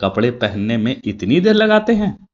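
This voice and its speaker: A playful young woman teases in a high, lifted voice, played by a man reading the story. The recording is dull and lo-fi. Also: big pitch swings, normal speed, close to an everyday voice. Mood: teasing. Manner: high, bright, teasing. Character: cheerful teasing young woman.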